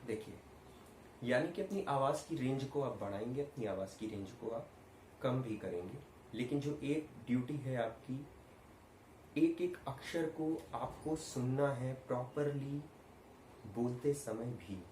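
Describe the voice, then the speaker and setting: A man leads an online acting workshop and explains clear speech and vowel stress step by step. He projects his voice when he demonstrates. The recording is roomy, with faint ambient noise behind him. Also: medium pitch, lively intonation, a little slow, a little mellow. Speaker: acting teacher.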